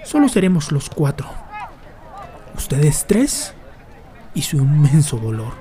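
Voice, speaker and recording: Actor doing a hurt resentful little boy, radio play voice, mid pitch. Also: sing-song, takes it slowly, warm tone, a little hiss or hum. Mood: bitter. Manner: resentful, then pleading and desperate. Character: bitter young boy plotting to die. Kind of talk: radio drama.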